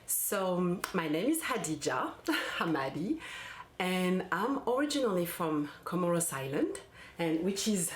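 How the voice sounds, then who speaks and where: Low-voiced woman vlogging. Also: reverberant, slight background noise. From France. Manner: warm, chatty, with restarts and fillers. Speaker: parenting coach. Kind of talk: casual personal vlog.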